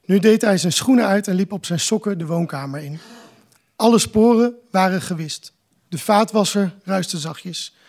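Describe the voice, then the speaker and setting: Author reading his own novel aloud, calm and measured, high gravelly voice. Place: live book presentation event.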